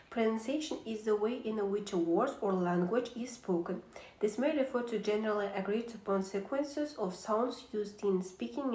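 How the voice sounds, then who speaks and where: A woman reading a prepared talk on teaching, steady with a few filler pauses. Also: medium pitch, roomy sound, poor audio.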